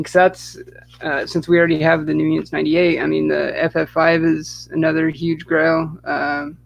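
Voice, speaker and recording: A man co-host with a slightly high voice and a gravelly, fried texture. He rambles through news and opinions, hedging and circling back often. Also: dull audio. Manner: rambling, hesitant, full of fillers. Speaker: podcast co-host. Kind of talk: casual chat.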